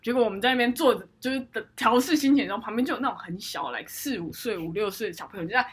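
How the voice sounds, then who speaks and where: A woman's voice: a little high, rapid-fire, breathy edge. A woman co-hosting a podcast, telling a story with lots of laughter and English words mixed in. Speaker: podcast co-host. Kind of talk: casual chat.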